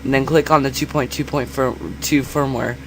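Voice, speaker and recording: A man giving a casual software tutorial in a quiet, understated voice, kept a little back from the microphone. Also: mid-range voice, steady tone, fairly quick, vocal fry. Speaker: tutorial host. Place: indoors at a computer. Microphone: separate microphone, not held close. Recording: noisy room hum, quiet separate mic.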